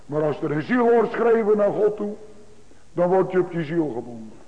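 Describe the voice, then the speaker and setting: In a big reverberant church, a pastor with a high, animated voice delivers a sermon at a moderate pace, using emphatic, repetitive phrasing. His words come through a tinny, phone-like broadcast.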